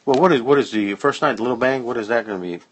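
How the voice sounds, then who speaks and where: A man's voice: mid-range voice, fast, husky, rough recording. A man interviewing a guest casually in a phone interview, asking short conversational questions.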